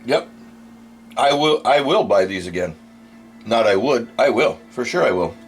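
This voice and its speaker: A man's voice: medium pitch, animated, moderate pace. A man giving a casual, unscripted food review in blunt, crude, rambling, drunken-sounding talk, swearing constantly.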